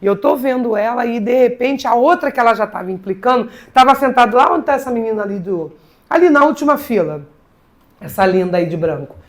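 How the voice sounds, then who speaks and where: A woman's voice: on the high side, lively intonation, fairly quick. Dramatic woman pastor preaching. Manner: swings between loud preaching and hushed storytelling; dramatic, repeats words for emphasis. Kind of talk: sermon.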